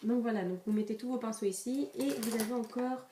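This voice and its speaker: A young woman rambles through a makeup haul in a soft, mellow voice, pausing on fillers and restarting sentences. Her pitch stays flat and even, and she sits a little back from the camera mic in an echoey room with faint hiss. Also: far from the mic. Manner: chatty, hesitant, many fillers and restarts. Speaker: beauty vlogger. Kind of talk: casual makeup haul review.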